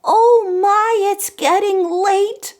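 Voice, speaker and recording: A woman voicing little talking pumpkins from a children's poem in a drawn-out, sing-song kindergarten teacher delivery. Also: very high-pitched, fairly even intonation, voice pushed up, exaggerated voice. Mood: worried.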